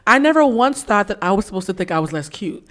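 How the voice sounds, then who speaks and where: Fast-talking, blunt woman podcast host. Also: medium pitch. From US East Coast. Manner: blunt, animated, acts out quotes. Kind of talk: candid podcast conversation.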